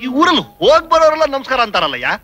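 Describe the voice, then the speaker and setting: An actor playing an exasperated man who scolds and questions a bumbling helper in an expressive way, in a film comedy scene. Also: extremely high pitch, very fast, heavily acted. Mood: puzzled. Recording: film soundtrack with faint music.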